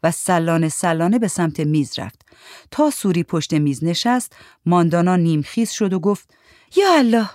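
A woman narrating a literary short story in a steady, measured reading voice. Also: on the low side, no echo, clean studio sound.

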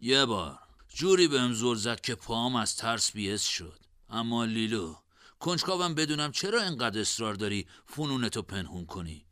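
A young male student, voiced by a male storyteller, once boastful and now sheepish, talks in a defensive, pleading way. His voice sits at middle pitch with a very bright, lively tone. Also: no room sound, clean studio sound. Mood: earnest.

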